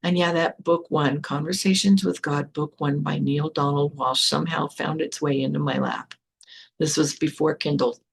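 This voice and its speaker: A woman's voice: deep voice, steady tone, moderate pace, gravelly, breathy edge. An older woman hosting a spiritual podcast, telling her own story in a frank, blunt way with some swearing. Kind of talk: candid personal storytelling.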